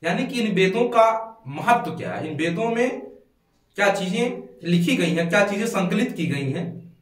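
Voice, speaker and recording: Male teacher, classroom lecture; animated, repeats key terms for note-taking; distant mic in a roomy, echoing room. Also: high voice. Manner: asks questions and answers them himself; repeats key words slowly for students to note down. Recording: echoey room, mic far off.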